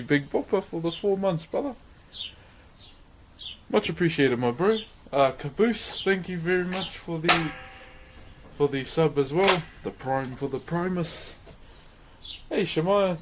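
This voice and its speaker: A man's voice: fairly high pitch, a little hiss or hum. A man with a broad New Zealand accent chatting casually on a livestream in a laid-back, matey, slangy way. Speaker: livestream host.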